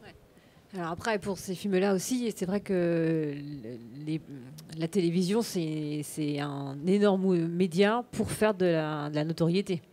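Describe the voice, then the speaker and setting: Slightly low-voiced woman on a panel. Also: a little slow, warm tone. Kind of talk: spontaneous panel discussion.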